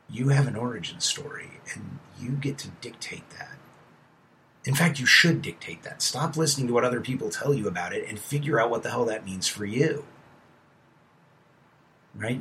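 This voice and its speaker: A man in his late thirties hosts a casual motivational monologue, speaking emphatically and straight to the listener, sometimes sinking to a near-whisper. His lowish voice is bright and forceful, with a little hiss or hum in the recording.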